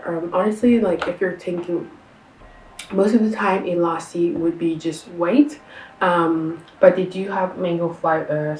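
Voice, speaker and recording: A young woman from Canada talks through a casual food-tasting vlog, chatty and excited, full of fillers and slang. Her voice sits a little low. She is set back from the mic in a roomy, echoey space with faint noise behind. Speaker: vlogger. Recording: roomy sound, a bit far from the mic.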